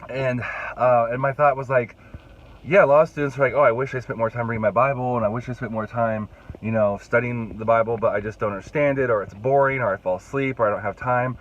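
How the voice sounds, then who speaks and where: Holding his phone at arm's length, a young man who works as a youth pastor rambles casually to the camera, restarting often. He's fighting a cold, so his mid-range voice sounds congested and rough; he talks fast with fairly even intonation, and the highs are cut off.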